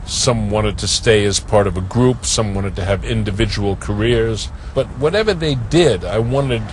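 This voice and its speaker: Low voiced guy being interviewed, thoughtful, takes his time. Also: moderate pace, slight background noise.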